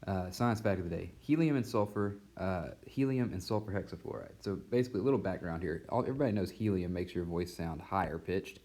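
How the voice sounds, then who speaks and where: A man with a deep, dark, mellow voice talks through a casual recorded mini-lesson. He teaches physics and rambles easily, filling pauses with "uh" and "like." It sounds like it was recorded on a tablet's built-in mic. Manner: relaxed, rambling, many fillers.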